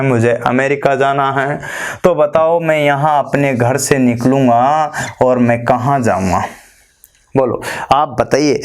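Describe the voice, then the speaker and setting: A man's voice: medium pitch, clean tone. A man from Rajasthan giving career advice to his community in an informal talk, asking rhetorical questions, answering them himself and repeating points in long lists. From Rajasthan, India. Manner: repetitive, list-like, addresses listeners as friends.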